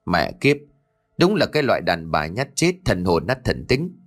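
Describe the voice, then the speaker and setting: A man voicing a gruff, hot-tempered husband in a storybook ghost tale. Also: mid-range voice, fairly quick, faint music behind, natural voice. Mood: angry. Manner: scolding, harsh.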